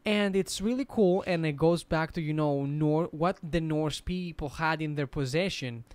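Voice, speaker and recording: A man's voice: on the high side, normal speed, darkish tone, dry recording. A man hosting a casual history podcast, explaining at length with frequent restarts.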